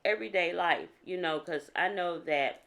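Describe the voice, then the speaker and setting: A woman from South Carolina chatting casually to camera as a nail vlogger, her voice deep and froggy from just waking up. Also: normal speed, gravelly. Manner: relaxed, chatty, with fillers. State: deep morning voice.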